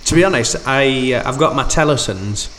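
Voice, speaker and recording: A man's voice: mid-range voice, animated, a little fast, fairly bright tone, a little hiss or hum. A man hosting a podcast, chatting loosely and packing his talk with "like". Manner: chatty, loose, piles up fillers like "like". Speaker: podcast host. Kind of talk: casual podcast chat.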